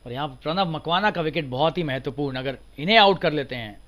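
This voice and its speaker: Bright, excited male cricket commentator. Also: fairly high pitch, quick pace. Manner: excited cricket commentary, voice surging on big shots. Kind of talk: live cricket commentary in Hindi.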